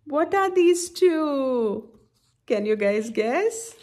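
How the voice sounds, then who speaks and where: A middle-aged woman leads a children's story time, reading a picture book aloud expressively and instructively while asking the young listeners questions. Her voice is high and very slow, and she's in an indoor room at home beside a window.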